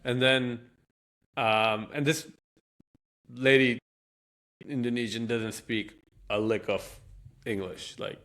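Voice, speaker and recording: A man in his thirties, a podcast co-host, telling an animated story in casual chat and acting out the quotes. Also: mid-range voice, slow pace, long pauses.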